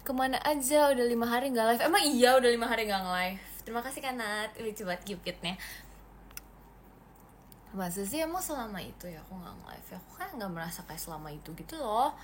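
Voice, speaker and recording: A woman's voice: on the high side, animated, fast, slight background noise. Chatty teenage girl livestreaming. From Indonesia. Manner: chatty, mixes in English phrases, thanks viewers one by one. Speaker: livestream host. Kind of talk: casual livestream chat reading comments.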